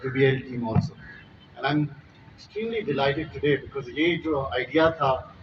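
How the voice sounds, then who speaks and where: A man's voice: mid-range voice, far from the mic, dull audio, background noise. A man, a bank executive, giving a ceremony speech and switching between English and Hindi-Urdu. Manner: fast, mixing English and Hindi-Urdu phrases.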